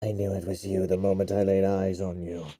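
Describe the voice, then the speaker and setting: A man's voice: completely flat delivery, a little fast, mellow, no echo, studio quality. A man voicing game characters through a voice changer that morphs his voice, talking playfully and swearing casually. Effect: voice changer morphing the voice deep. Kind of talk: playful let's-play voice acting.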